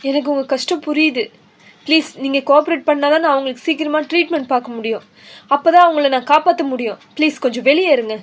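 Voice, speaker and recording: A woman's voice: high voice, fast talker, close to an everyday voice. A woman voicing a firm, professional female doctor in a cartoon, speaking in an instructive way. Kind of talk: cartoon dubbing.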